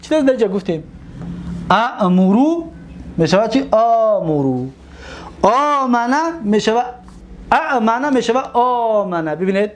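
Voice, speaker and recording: A man's voice: extremely high pitch, expressive. A man teaching Arabic grammar, drilling word forms over and over and asking questions that he then answers himself. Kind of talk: classroom-style lecture.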